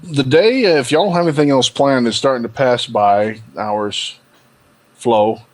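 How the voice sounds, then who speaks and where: A man's voice: medium pitch, a little slow. A man improvising narration as game master of a tabletop game in a casual style.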